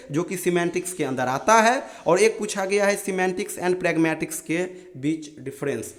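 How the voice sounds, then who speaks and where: A young man teaching students about an exam's marking pattern, calling them friends and reading out lists of terms slowly. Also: high voice. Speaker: exam-prep teacher. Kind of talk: explaining an exam pattern to students.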